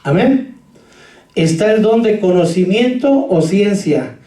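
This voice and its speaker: In a church hall, a male pastor delivers a sermon, telling stories and addressing the congregation directly. His high voice is animated and mellow, and he takes his time. The recording has a roomy echo, with his voice coming from far off.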